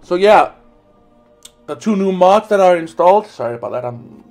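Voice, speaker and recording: A young man with a sniffly cold hosts casual let's play commentary, rambling and swearing as he goes. His voice is high-pitched, animated, and darkish in tone, at normal speed. He sits indoors at a desk in webcam view, with faint game music in the background.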